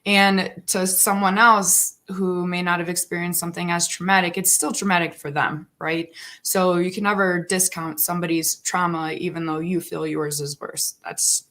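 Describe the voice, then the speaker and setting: A woman in her thirties with a rough morning voice, chatting casually and earnestly on a live stream. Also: on the low side, fairly even intonation, normal speed, a bit bright. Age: 30s. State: morning frog voice. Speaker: livestream host.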